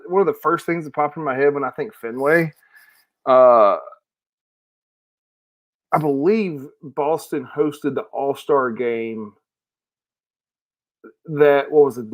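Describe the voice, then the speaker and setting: A man co-hosting a casual sports podcast, rambling with restarts as he weighs his pick. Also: medium pitch. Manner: rambling, many restarts, enthusiastic. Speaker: podcast co-host.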